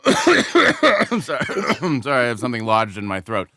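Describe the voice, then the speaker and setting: A man's voice: medium pitch, wildly swooping pitch, slow pace, sharp tone, no echo, studio quality. A man in his thirties from the United States hosting a podcast interview, jokey and playful in casual chat. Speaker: podcast host.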